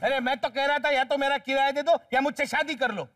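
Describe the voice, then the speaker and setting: A pushy, greedy landlord blusters and pleads in a broadcast comedy sketch. His voice sits very high for a man. It sounds distant from the mic. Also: fairly even intonation, fast talker, noisy background. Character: fat, greedy landlord chasing rent. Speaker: comic sketch actor. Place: TV studio stage.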